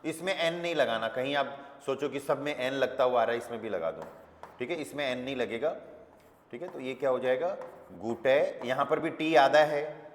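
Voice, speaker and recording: A man teaching a language class, explaining slowly and patiently and often checking that students follow. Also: mid-range voice. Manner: slow, patient explaining with frequent check-ins. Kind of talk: classroom lesson. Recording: echoey hall with long reverb.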